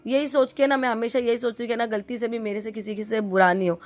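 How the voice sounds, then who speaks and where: Chatty middle-aged woman, somewhat high voice. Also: fairly even intonation, quick pace, faint music behind. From India. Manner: chatty, rambling, many fillers and restarts. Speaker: vlogger. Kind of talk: casual storytelling to viewers.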